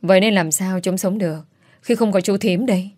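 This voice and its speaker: A woman's voice: mid-range voice, brisk, a little mellow, no room sound, lightly acted. A woman voicing a middle-aged uncle who grovels and wheedles for help, in an audiobook. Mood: pleading. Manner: imploring, wheedling. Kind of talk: audiobook character voice.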